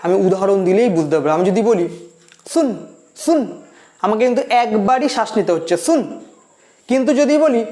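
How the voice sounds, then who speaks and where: A teacher explaining English grammar in a patient way, often checking in with the students, pitch rising and falling for emphasis. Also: darkish tone.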